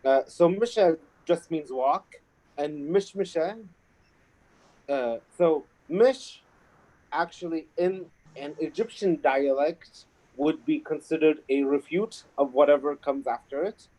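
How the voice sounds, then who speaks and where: A man from Kuwait, an Arabic speaker, chatting casually and explaining things in a halting way. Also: on the high side, mellow, rough recording. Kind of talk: casual chat.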